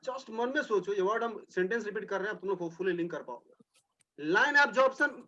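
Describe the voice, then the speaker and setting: A man's voice: high voice, expressive, brisk, pushed and bright, muffled recording. A male teacher giving a classroom lecture, explaining step by step, repeating points and speaking directly to his students.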